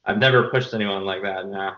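Male filmmaker guest, bright voice, rambling casual storytelling, slightly muffled audio. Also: low voice, steady tone, fairly quick, roomy sound. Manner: rambling, restarts with many fillers.

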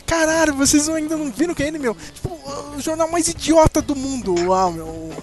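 A man's voice: very high-pitched, animated, fast. A Brazilian man with a São Paulo manner of speech, chatting profanely and animatedly as a podcast co-host, acting out characters. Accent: Brazilian, São Paulo slang. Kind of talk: casual chat about comics and series.

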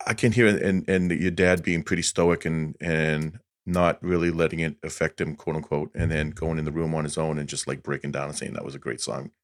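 A man with a very deep voice co-hosting a music podcast. He talks in a loose, conversational way and often chimes in. The sound is dry and close, with no room echo. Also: level tone, a little fast, hardly any pauses. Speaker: podcast co-host. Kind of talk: casual podcast chat.

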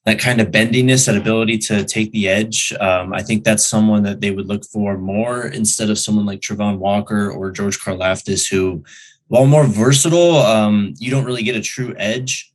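A man working as a sports analyst, explaining his reasoning in a measured, conversational way. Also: lowish voice, fairly even intonation, rough recording.

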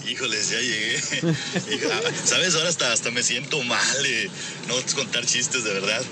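A man's voice: mid-range voice, normal speed, recorded from a distance, loud music behind the voice. A comedian telling a joke in a recording he sent in, chuckling through his own story. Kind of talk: recorded joke told casually.

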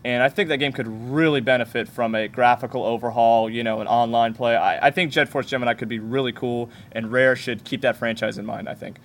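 A man's voice: mid-range voice, fairly even intonation, fairly bright tone. A young man hosting a laid-back gaming podcast, talking casually. He chats loosely, stumbling and restarting his sentences as he thinks aloud. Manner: chatty, halting restarts. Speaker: podcast host, game store worker.

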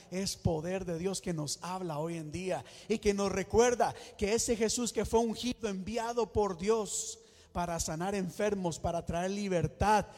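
A male pastor preaching a sermon in a church, emphatic, with dramatic build-ups and repeated exclamations. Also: high voice. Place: church hall. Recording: church hall reverb with soft music.

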